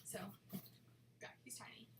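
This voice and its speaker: A young woman telling an excited, dramatic storytime, often dropping into whispers. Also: measured pace. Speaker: vlogger. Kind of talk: storytime vlog.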